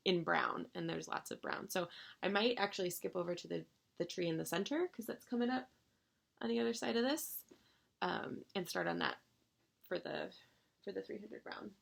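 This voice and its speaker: A woman chatting casually to her viewers about her stitching, gushing with excitable bursts and rambling restarts. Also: on the low side, normal speed, gravelly. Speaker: cross-stitch vlogger.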